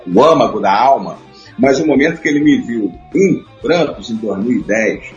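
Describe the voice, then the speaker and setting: A man talking casually on a radio show, telling lively stories with frequent laughs. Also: medium pitch, moderate pace. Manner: animated storyteller, laughs often. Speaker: guest. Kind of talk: casual chat. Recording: muffled roomy sound with faint music.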